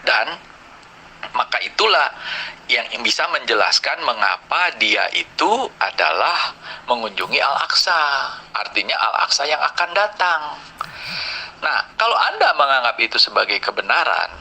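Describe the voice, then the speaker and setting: A pastor arguing hard in an online debate, lecturing and pushing his logic. His voice is very bright and swings widely in pitch. Faint background hiss sits under the line. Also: very animated, unhurried, low-quality recording. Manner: argumentative, lecturing.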